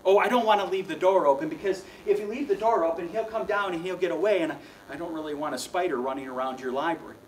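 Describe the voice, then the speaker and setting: A young man with a fairly high voice hosts a children's magic show, talking straight to the kids in a bouncy, playful way. He sounds set back from the mic, with a faint hiss of noise behind him. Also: fast, few pauses, far from the mic, rough recording. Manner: playful, mock-flustered showman addressing kids. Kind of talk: kids' magic show patter.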